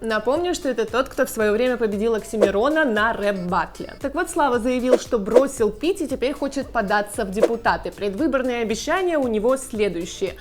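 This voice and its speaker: A woman with a fairly high voice presents celebrity-style news over background music. She follows a script but comments on it casually, with a light touch of irony. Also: expressive, a little fast, few pauses. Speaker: host of a blogger news show. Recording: music under the voice.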